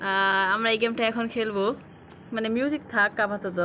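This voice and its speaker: A woman's voice: fairly high pitch, steady tone, moderate pace, pushed and bright, slight background noise. A woman with a Bangladeshi accent giving casual, informal commentary as she plays a horror game for viewers. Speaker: gaming video host. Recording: music behind the voice. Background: eerie horror game music.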